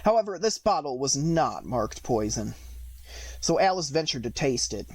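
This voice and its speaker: A man narrating a children's storybook as an expressive audiobook reader. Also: medium pitch, moderate pace, breathy edge.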